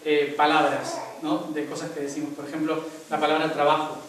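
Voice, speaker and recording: Young man, spiritual talk, slightly high voice, recorded far off in a big echoing room. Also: level tone, a little fast, a crowd in the background. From Argentina. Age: young adult. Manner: explains step by step, often checking in with "¿sí?". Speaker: spiritual speaker. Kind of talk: spiritual talk to a live audience. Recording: very echoey room, mic far off.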